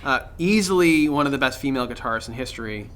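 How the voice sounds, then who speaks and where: Bright-voiced joking man on a podcast. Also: mid-range voice, animated, quick pace, soft background music. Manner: joking, rambling, many fillers. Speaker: podcast co-host. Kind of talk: casual chat.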